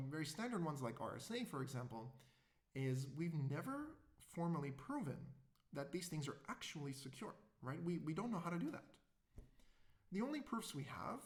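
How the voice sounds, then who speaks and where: A man giving a public introductory lecture in a conversational way, often asking the audience rhetorical questions. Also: on the high side.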